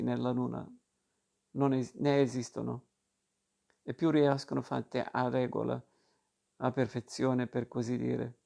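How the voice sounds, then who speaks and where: A man's voice: mid-range voice, vocal fry, dark tone. A man reading aloud, voicing a proud father who teases and declaims. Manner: declaiming, teasing.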